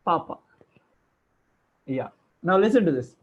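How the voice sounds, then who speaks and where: A man teaching an online class, joking around and firing questions at his students. His voice sits fairly high and sounds a little husky. The audio is dull and lo-fi, picked up by a computer mic on a video call. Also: lively intonation, unhurried. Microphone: computer microphone on a video call.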